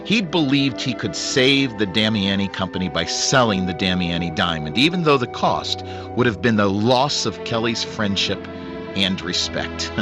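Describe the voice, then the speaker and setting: A man playing a measured, wry noir detective, a principled investigator narrating his case in an old-time radio drama. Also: lowish voice, animated, music in the background, natural voice. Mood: wry, reflective.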